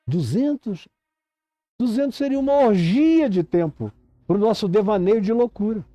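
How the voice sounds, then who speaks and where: Impassioned Brazilian preacher with high voice. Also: male voice, expressive, unhurried, no room sound. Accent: Brazilian Portuguese. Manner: impassioned, swings from loud urgent highs to low grave tones. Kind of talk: sermon.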